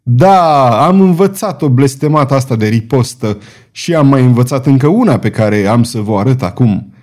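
Un bărbat care dă glas unui spadasin mândru și batjocoritor, guvernator de fortăreață, vorbind lăudăros și cu ton ridicat, provocator. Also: male voice, medium pitch, lively intonation, darkish tone, lightly acted. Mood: triumphant. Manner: boastful, taunting, triumphant. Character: proud, mocking adult male swordsman, fortress governor.

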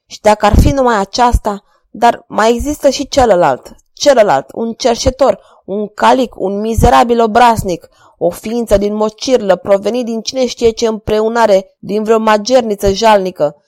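A woman's voice: fairly high pitch, dry recording, clean studio sound, lightly acted. A woman playing a jealous, raging king. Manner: loud, impassioned, overwrought. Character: passionate, domineering middle-aged king.

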